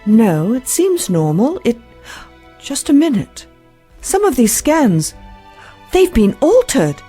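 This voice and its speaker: A woman's voice: on the high side, very animated, slow pace, dark tone, slightly rough, faint music behind, full character voice. A woman playing a jaded, frank hospital doctor in an audio drama, skeptical and matter-of-fact. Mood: puzzled, alarmed.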